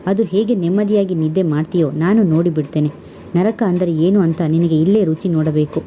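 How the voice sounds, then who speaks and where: A woman's voice: fairly low pitch, brisk, mellow, slight background noise, lightly acted. A woman narrator voicing a young female student who speaks with bitter defiance. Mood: vengeful.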